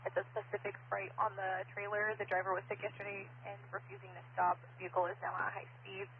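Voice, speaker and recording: A man's voice: sits high, completely flat delivery, fast talker, creaky. A man working as a police dispatcher over police radio, reading out plates and locations in clipped radio code. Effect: police radio transmission. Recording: tinny police radio with hiss.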